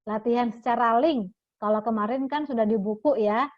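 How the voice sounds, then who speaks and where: A patient woman teacher walks her young pupils through a lesson, adding a checking "ya" to her phrases. Her voice sits a little high. The recording is dull and lo-fi, with a dry, close sound. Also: normal speed, no echo. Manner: patient, explanatory, calls pupils "anak ibu", ends phrases with "ya". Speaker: primary school teacher.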